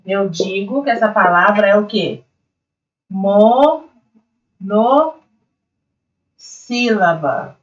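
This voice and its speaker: A woman's voice: mid-range voice, fairly bright tone, lo-fi sound. Patient woman teacher, Brazilian accent. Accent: Brazilian Portuguese. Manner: patient, step-by-step, checks in with "tá?" and "né?"; sounds out syllables slowly. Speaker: primary school teacher. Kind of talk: recorded online class.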